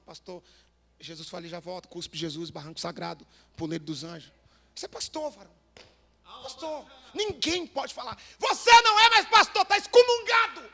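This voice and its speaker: A high-pitched, gravelly male preacher with a Brazilian Portuguese accent, thundering an emphatic Pentecostal sermon. His voice rings through a large church hall with a long reverb tail. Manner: shouting and emphatic, acts out quoted voices. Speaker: pastor.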